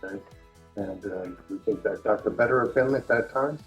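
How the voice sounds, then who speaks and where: A man's voice: lowish voice, a little fast, faint music behind. A man questioning a witness in court as a lawyer, hesitant with many fillers, heard in a courtroom recording. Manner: hesitant, many ums and uhs. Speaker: defense lawyer. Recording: dull lo-fi courtroom audio.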